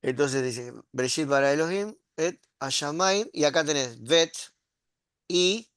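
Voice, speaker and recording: A middle-aged man explains Hebrew grammar at an unhurried, deliberate pace. He keeps checking in with quick questions to his listeners. The sound is dry and close, with no room around it. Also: on the high side, animated, fairly bright tone, clean tone, no room sound. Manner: patient, explaining step by step with frequent "¿sí?" and "¿ves?" checks. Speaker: Hebrew teacher. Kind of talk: classroom grammar lesson.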